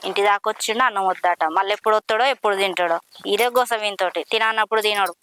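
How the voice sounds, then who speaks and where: A woman's voice: medium pitch, fast talker, fairly bright tone, slight background noise, natural voice. A middle-aged woman with a Telangana Telugu accent playing a village mother who scolds, fusses and reassures her son. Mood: scolding. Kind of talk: village drama acting.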